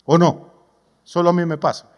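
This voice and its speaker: A man's voice: on the high side, steady tone, normal speed, highs cut off. A man, a pastor preaching a sermon in a folksy, humorous way with homely stories. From Costa Rica. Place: church sanctuary. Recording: long church reverb.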